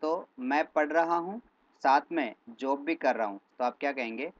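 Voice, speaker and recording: A man teaching spoken English in Hindi, explaining phrases and slowly repeating example sentences. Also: a little high, no echo, highs cut off.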